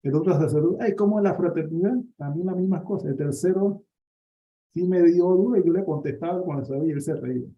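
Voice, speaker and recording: A priest from Panama, giving a personal faith testimony in a lively storytelling manner, with many restarts. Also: male voice, on the high side, fairly quick. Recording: dull lo-fi recording.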